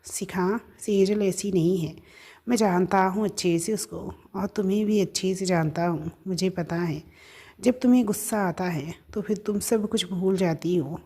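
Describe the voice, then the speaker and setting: Woman reads an angry young husband in an audio story, curt and reproachful, fairly low voice. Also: husky. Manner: sharp, clipped scolding.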